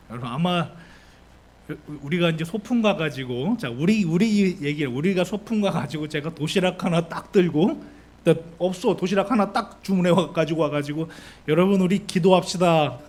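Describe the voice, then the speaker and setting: A male pastor gives a sermon in a church with a fairly high voice. He keeps asking the congregation questions and briefly acts out the voices of the people in the story. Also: darkish tone. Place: church sanctuary.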